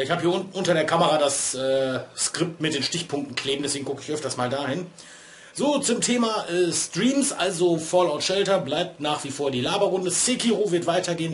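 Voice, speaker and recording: There's slight background noise as a man in his thirties, a vlogger and streamer, talks in a slightly high voice. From a small LED-lit room at home he rambles casually, chatty and off on tangents, teasing himself and sounding a touch stuffy from a cold.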